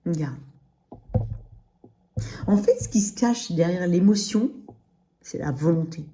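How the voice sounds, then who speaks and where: A woman's voice: lowish voice, animated, slow pace, dark tone. A woman giving a casual tarot reading straight to the listener, speaking with dental braces in that slightly slur her words and often checking in with short tags. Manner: addresses listener directly with frequent check-in tags. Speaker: tarot reader.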